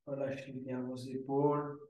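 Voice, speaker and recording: Slow, echoey man guiding yoga. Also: medium pitch, flat delivery, warm tone. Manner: slow, drawn-out breathing cues. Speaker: yoga teacher. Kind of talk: guided yoga class instruction. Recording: very echoey room, voice from far off the mic.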